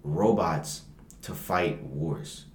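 A young man co-hosting a casual podcast chat, excitable and slangy, calling everyone bro. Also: extremely low pitch, drawn-out words, a little hiss or hum. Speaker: podcast co-host. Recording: roomy echo.

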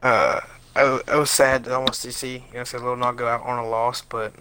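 A man's voice: mid-range voice, flat delivery, fairly quick, bright, forceful tone, smooth. A man co-hosting a podcast, chatting casually about fights in a rambling way and often restarting his sentences. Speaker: podcast co-host. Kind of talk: casual sports chat.

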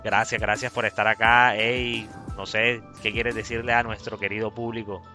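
A man's voice: lowish voice, little pitch movement, moderate pace, bright, forceful tone. A man with a Colombian Caribbean accent hosting a casual music podcast, talking in a slangy, profane, emphatic way. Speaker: podcast host.

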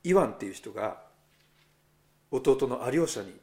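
A man preaches a sermon in an easy, conversational way. His voice sits at a middle pitch, and he turns often to the listeners with rhetorical asides. He lifts his voice when he quotes others. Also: lively intonation, moderate pace, a little mellow. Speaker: pastor.

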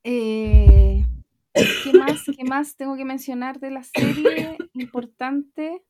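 A young Chilean woman chatting casually as a podcast co-host, retelling scenes with lively acted-out quotes. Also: high voice, slow pace, crowd noise. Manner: animated storytelling, acting out quotes. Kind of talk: casual chat.

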